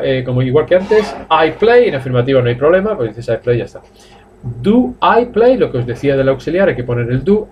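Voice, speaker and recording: A man from Spain with a Spanish accent, teaching a live online English class, explaining in Spanish and modelling slow drill sentences in English. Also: mid-range voice, dark tone, dull audio, a little hiss or hum. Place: language academy classroom.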